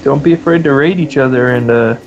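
A man hosting casual gaming chat over a headset, excitable and quick to shout and laugh. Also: mid-range voice, muffled recording, a little hiss or hum. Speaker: gaming channel host.

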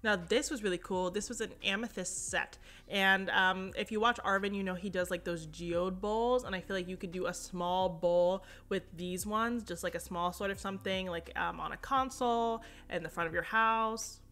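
A young woman with a mid-range voice narrates a home decor shopping trip as a casual shop-with-me voice-over. She sounds relaxed and chatty, her bright, forward tone coming through clearly, and she sprinkles in fillers and quick asides.

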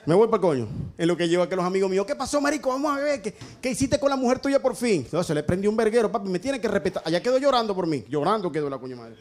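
A man's voice: high-pitched, very animated, rapid-fire, few pauses. A man doing a rowdy stand-up comedy routine, swearing and acting out characters.

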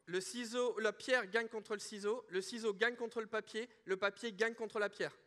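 A man hosting a prize draw live on a large stage, playful and animated like a game show host. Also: high-pitched, normal speed. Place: large conference hall stage, indoors.

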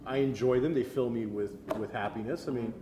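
Seated at a table in a medium-sized room, an American man in his thirties with a medium-pitched voice co-hosts a geek culture show, talking fairly quickly. He chats casually in review mode and eagerly explains details, with the roomy echo carrying faint background noise.

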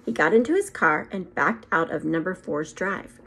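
With a husky, fairly low voice and a moderate pace, a middle-aged woman reads a story aloud to her second grade pupils, performing it with animation and short asides. The audio is poor, recorded on a phone or tablet at arm's length in a small room at home.

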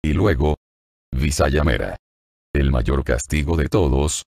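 A man's voice: extremely low pitch, a little slow, gravelly, a little mellow, no echo, exaggerated voice. A man voicing a hardened, sardonic Russian woman agent in an audiobook, with a dry, cool, mocking manner.

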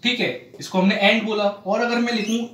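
A male teacher giving a classroom grammar lesson to children, often checking they follow and reading English examples slowly. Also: high-pitched, steady tone, a bit bright, a little hiss or hum. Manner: addresses children, frequent "ठीक है ना" checks, slow spelled-out English examples. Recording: echoey room.

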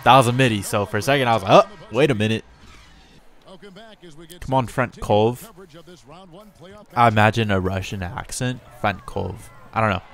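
A man hosting a casual gameplay commentary, chatty and talking straight to his in-game players, with bursts of excitement. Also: on the low side. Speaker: gamer and channel host.

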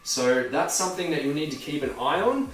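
A man's voice: fairly high pitch, animated, a little fast. A young man in his twenties, a gym instructor, giving a casual home-workout tutorial with a loose, friendly delivery and plenty of fillers. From Australia. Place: home hallway, indoors. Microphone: camera mic, close then from across the room. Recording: echoey room, distant at times, faint music.

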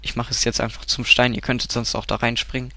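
Stuffed up with a cold, a man rambles through a casual game tutorial, often correcting himself and filling gaps with filler sounds. His medium-pitched voice is level in tone, fast, pushed, and bright.

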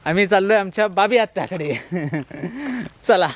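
Konkan man in his thirties, high voice, casual talkative vlogger. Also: unhurried. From Konkan, Maharashtra. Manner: chatty, talks to his small daughter in a lively sing-song. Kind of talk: casual walking vlog.

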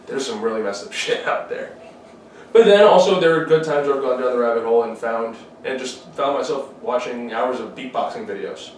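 A man's voice: mid-range voice, brisk. Rambling young man in an echoey room. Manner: rambling, restarting storyteller. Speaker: podcast co-host. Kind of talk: casual chat. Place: dining room at night, around a table. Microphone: far camera. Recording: roomy, distant, faint hiss.

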